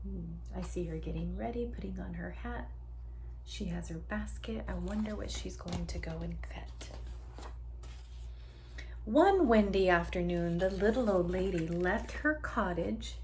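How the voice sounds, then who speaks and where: A woman teacher with a mid-range voice reads a picture book aloud to young children, animated and stretching out the sound words while inviting the kids to join in. Some background noise can be heard.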